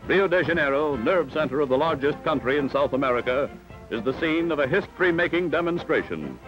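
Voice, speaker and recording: A man's voice: a little high, lively intonation, brisk. Man narrating an old wartime newsreel. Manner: dramatic, emphatic announcer delivery. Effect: old newsreel soundtrack. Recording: dull lo-fi film soundtrack with loud music. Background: loud music.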